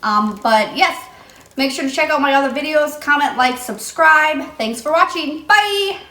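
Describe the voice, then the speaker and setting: A woman's voice: sits high, normal speed, sharp tone. A young woman hosting a casual snack taste-test vlog, chatty and upbeat, keeping an eye on a small child beside her. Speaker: vlogger. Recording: echoey room, faint noise.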